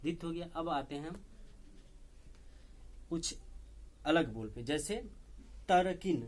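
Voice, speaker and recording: A man teaching tabla step by step, explaining slowly and patiently and saying the drum syllables aloud between strokes. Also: on the high side, background noise. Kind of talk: step-by-step music lesson. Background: loud tabla playing.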